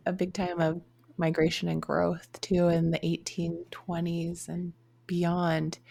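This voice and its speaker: Low-voiced woman co-hosting a podcast. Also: creaky, darkish tone. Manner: measured, explanatory, thinking aloud. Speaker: podcast co-host. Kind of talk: conversational podcast discussion.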